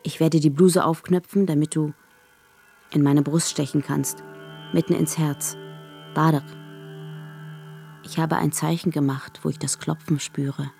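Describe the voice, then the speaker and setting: A woman's voice: deep voice, steady tone, gravelly, mellow, faint music behind. A wounded, desperate young woman. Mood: pleading. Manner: halting, short fragmented phrases. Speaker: first-person narrator of a radio drama. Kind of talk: scripted radio drama monologue.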